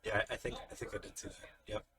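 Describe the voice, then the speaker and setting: A man's voice: quick pace, noisy background. A man giving live card game commentary, explaining the plays step by step in an analytical way. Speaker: tournament commentator.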